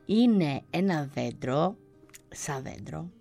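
A woman radio host talking casually in a conversational way, pausing on fillers and restarting words as she goes. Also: sits low, lively intonation, vocal fry, dark tone. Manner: conversational, with frequent hesitations and restarts. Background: faint music.

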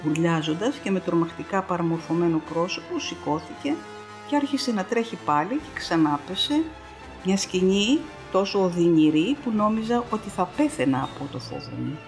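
A woman narrating a novel excerpt in a measured, dramatic reading. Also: fairly low pitch, lively intonation. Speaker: audiobook narrator. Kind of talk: scripted narration. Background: faint music.

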